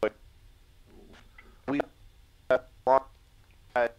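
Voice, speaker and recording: A man talking as a remote co-host in a casual live-stream chat, his speech coming through a choppy, breaking-up connection in halting, broken-off phrases. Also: a little mellow, dull audio, soft background music.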